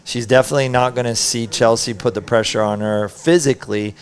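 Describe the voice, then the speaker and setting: A man's voice: medium pitch, steady tone, brisk. A middle-aged man giving conversational live commentary as a surf contest announcer.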